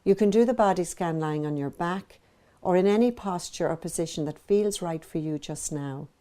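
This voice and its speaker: A soft and deeply mellow female voice, set slightly low, guides listeners through meditation. As the teacher, she keeps an even, gentle measure and lets calming pauses fall between phrases.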